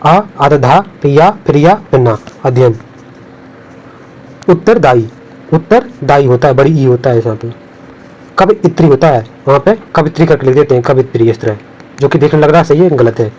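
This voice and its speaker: With a darkish tone and a mid-range voice at ordinary speed, a man teaches Hindi spelling for exams against on-screen notes. He repeats each word and warns of the exam pitfalls that get marked wrong, all on a rough recording.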